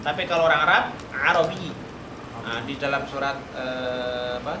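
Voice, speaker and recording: With a mid-range, steady voice at moderate pace, a man drills his students in a call-and-response Arabic lesson held in a mosque study room. It's recorded in a noisy, roomy hall.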